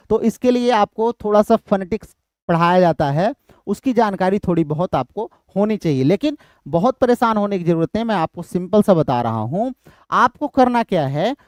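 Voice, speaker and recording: A man's voice: high-pitched, a little mellow, no room sound, studio quality. A man teaching literature for exam prep, explaining step by step, repeating key terms and answering his own questions.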